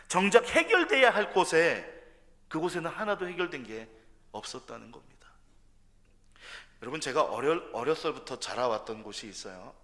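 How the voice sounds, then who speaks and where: A young man from Seoul preaching a sermon in a church sanctuary. He has a fairly high, bright, forceful voice, and he tells his stories conversationally while often speaking straight to the congregation. A long church reverb trails every phrase. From Seoul, South Korea. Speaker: junior pastor.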